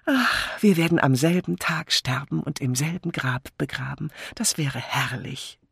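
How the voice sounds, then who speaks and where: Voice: mid-range voice, expressive, a little slow, vocal fry, fairly bright tone, slightly rough, dry recording, studio quality, pitched above the performer's own voice, full character voice. A reader voicing a cheerful, chatty vicar's wife who gushes in a bubbly way, in an audiobook. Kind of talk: audiobook character voice.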